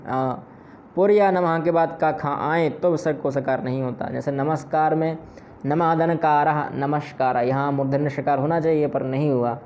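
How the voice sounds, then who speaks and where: A man teaches grammar in a patient, step-by-step way, pausing often to ask himself questions and repeat examples. His voice sits a little high for a man. The audio is slightly dull and lo-fi, with a faint hiss underneath. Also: darkish tone. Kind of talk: explanatory lesson.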